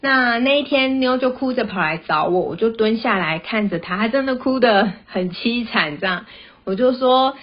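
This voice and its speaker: A mother hosts a parenting podcast, chatting gently and sharing stories about her kids. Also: a little high, animated, moderate pace. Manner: gentle, chatty, tells personal anecdotes. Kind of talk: casual podcast monologue. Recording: dull, slightly lo-fi sound.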